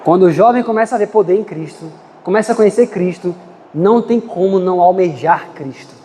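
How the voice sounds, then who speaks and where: A man's voice: sits high, brisk, dark tone, big-room sound, slight background noise. A man preaching a sermon in a church, impassioned, with dramatic swings in pace and emphasis.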